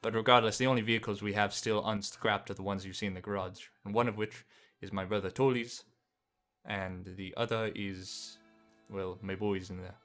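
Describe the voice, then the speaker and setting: Weary forties garage boss, brisk and blunt, voiced by a man in a tabletop game. Slightly low, bright voice. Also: steady tone, faint music behind, close to an everyday voice. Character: jaded male garage owner, early forties. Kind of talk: tabletop role-play.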